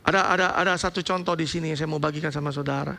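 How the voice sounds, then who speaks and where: A man with an Indonesian accent preaching a sermon as pastor, in a lively conversational style with slangy asides. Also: on the high side, rapid-fire, vocal fry.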